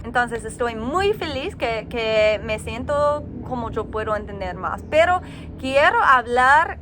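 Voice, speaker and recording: A tired woman who is a native English speaker with an American accent, recording a casual video diary in a learner's slow, careful Spanish, searching for words and laughing at herself. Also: a little high, expressive, over music.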